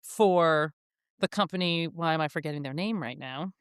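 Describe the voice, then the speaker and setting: A woman's voice: low voice, normal speed, smooth, dry recording, clean studio sound. Chatty young woman co-hosting a podcast. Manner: animated, lots of "like" fillers. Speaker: podcast co-host. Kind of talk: casual book chat.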